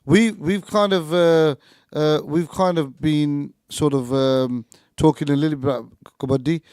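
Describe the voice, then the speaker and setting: A man's voice: on the high side, fairly even intonation, unhurried, darkish tone, clear, resonant tone, no echo, clean studio sound. A man co-hosting a live radio show in casual chat, hesitant and often repeating his words and phrases. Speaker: radio co-host.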